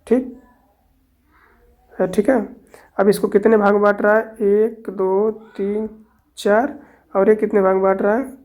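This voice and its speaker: Lady math teacher, slow and even, soft mellow voice, counts out loud. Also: medium pitch. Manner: slow, steady, counting aloud step by step. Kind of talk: explaining on a board.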